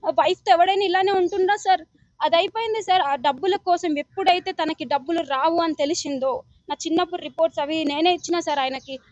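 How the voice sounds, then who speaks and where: A woman's voice: very high voice, quick pace, no echo, highs cut off. A young woman gives an urgent, pleading account to a news reporter, often calling him sir. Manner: urgent, pleading, repeatedly addressing the listener as sir. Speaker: complainant interviewed by news reporter. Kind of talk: emotional testimony to a reporter.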